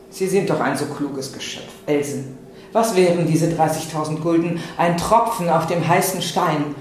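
A smooth, condescending older gentleman from a spoken story talks slowly, pausing on his words, as a man reads him. The voice sits a little high for a man. It rings out in a very echoey room over a faint hiss. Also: lightly acted.

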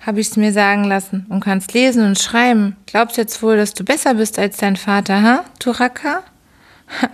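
A woman voicing a gruff, bullying middle-aged father who scolds his son in a bedtime audiobook reading. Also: mid-range voice, moderate pace, lightly acted. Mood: scornful. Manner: bullying, scolding, barking questions. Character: gruff shouting drunken old father, middle-aged man.

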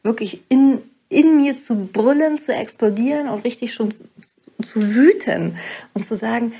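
A young woman speaks in a somewhat high voice with a husky, gravelly edge. She recounts a personal story as a mother in an earnest, emotional monologue, often pausing on fillers and starting sentences over. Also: warm tone.

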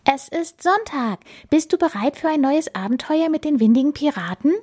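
A woman voicing a bearded pirate captain in a storybook, loud and blustering. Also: high voice, lively intonation, normal speed, pitched above the performer's own voice.

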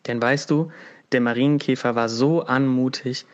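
A man voicing a slow, calm and contemplative snail in a read-aloud fable, speaking gently and without hurry. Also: mid-range voice, lo-fi sound, natural voice. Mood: serene.

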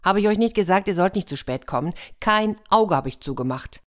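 A woman's voice: medium pitch, lively intonation, brisk, pitched above the performer's own voice, close to an everyday voice. A woman voicing an old mother star who fusses over her children and scolds them. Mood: scolding. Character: old mother star, caring then stern.

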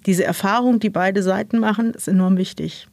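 A woman's voice: medium pitch, fairly even intonation, fairly quick, vocal fry, darkish tone, dry recording. A woman working as an animal trainer, explaining conversationally in an interview. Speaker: zoo animal training specialist.

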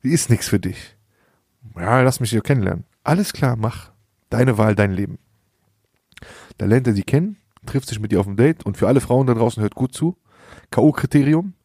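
A man's voice: mid-range voice, animated, moderate pace, mellow, breathy edge, dry recording. Young man, podcast host, slangy storyteller who laughs a lot, dry close sound. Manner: slangy, laughs often, acts out quoted dialogue. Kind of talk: casual storytelling chat.

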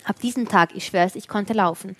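A young woman telling a personal story in casual chat, lively and animated, quickly voicing the people in it. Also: medium pitch, breathy edge. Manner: animated storytelling, voices others in quick asides. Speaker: storyteller in a conversation.

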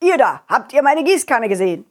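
A woman voicing an eager male knight in a children's story, calling out loudly. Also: sits high, very animated, fairly quick.

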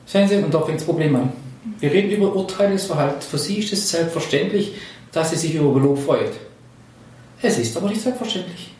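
A man's voice: fairly high pitch, lively intonation, brisk, a little mellow. Man coaching in a very echoey room. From Swabia, Germany. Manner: explanatory, asks questions, coaching tone. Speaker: podcast host and leadership trainer. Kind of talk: conversational podcast talk. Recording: very echoey room, distant mic.

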